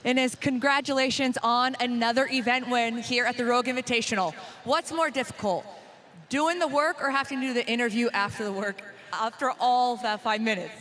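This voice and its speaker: A woman's voice: on the high side, fairly quick, fairly bright tone, in a large hall. A woman doing an upbeat sideline interview with an athlete after an event.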